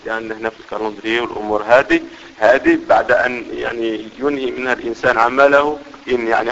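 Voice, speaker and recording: Male religious teacher, patient explainer; mid pitch, reverberant hall, dull audio. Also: bright, forceful tone. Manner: explanatory, often checks understanding. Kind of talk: religious lesson. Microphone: microphone.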